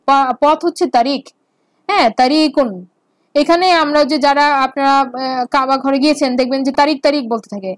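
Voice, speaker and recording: A woman's voice: high voice, no echo. A woman teaching basic Arabic grammar in an online lecture, explaining patiently and repeating words. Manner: explains patiently with repetition and fillers.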